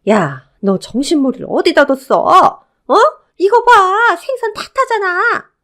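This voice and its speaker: A woman's voice: medium pitch, lively intonation, normal speed, close to an everyday voice. A woman playing a harsh, bossy old mother-in-law. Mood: angry. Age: older. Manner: scolding, barking orders. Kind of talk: Korean radio drama acting.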